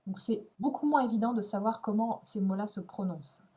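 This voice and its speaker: A woman teaches an instructional video lesson, explaining step by step. She speaks clearly, leans on the key words and keeps an encouraging tone. Her voice sits at an ordinary middle pitch. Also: a little fast, warm tone. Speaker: English teacher.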